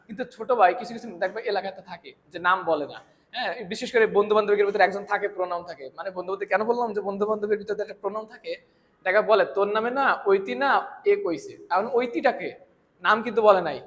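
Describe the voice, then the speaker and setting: A man's voice: high-pitched, quick pace. A man teaching an English grammar class, asking questions and answering them himself, repeating the key terms. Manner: asks and answers his own questions, repeats key words; mixes English terms into casual talk. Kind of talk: classroom lesson.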